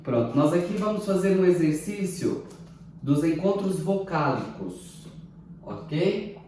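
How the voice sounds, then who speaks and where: A man teaching a recorded class, speaking slowly and deliberately, spelling out words syllable by syllable and often checking "ok?". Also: on the high side, big pitch swings, dark tone, a little hiss or hum. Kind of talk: recorded online class lecture. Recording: echoey room, mic far off.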